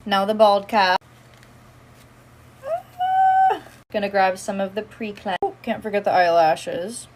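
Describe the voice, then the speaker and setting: A woman's voice: medium pitch, steady tone, moderate pace, hardly any pauses, slight background noise. Young woman plugging a makeup cleanser. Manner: upbeat product promotion. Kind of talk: makeup removal voice-over with product plug.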